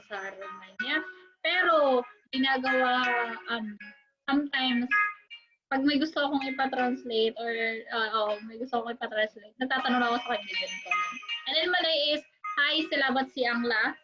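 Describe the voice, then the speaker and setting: A high-pitched young woman with a Filipino accent chats through her vlog, laughing at herself and filling pauses with little hesitations. The recording is slightly dull and muffled. Music plays clearly behind her the whole time. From Philippines. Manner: giggly, self-deprecating, chatty with many fillers. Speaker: vlogger. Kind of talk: casual vlog chat mixing Tagalog and English. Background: background music.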